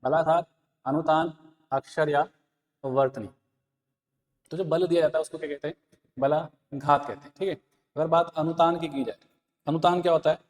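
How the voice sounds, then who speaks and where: A man's voice: fairly high pitch, fairly even intonation, normal speed, long pauses, big-room sound. A man teaching an exam-prep lesson, repeating key points and quizzing listeners with rhetorical questions. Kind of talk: Hindi exam-prep lesson, explaining answers.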